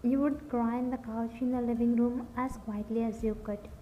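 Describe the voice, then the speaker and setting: A woman narrating a scripted second-person story in a soft, even reading voice. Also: a little high, moderate pace, a little hiss or hum. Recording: dull lo-fi recording. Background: faint music.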